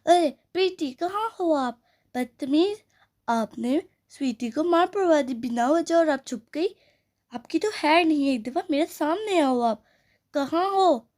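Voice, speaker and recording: Bossy doll mom, a lady putting it on, lower than the kids but still high, mellow, scolding. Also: animated, a little slow. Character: strict scolding mother doll. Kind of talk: doll play storytelling.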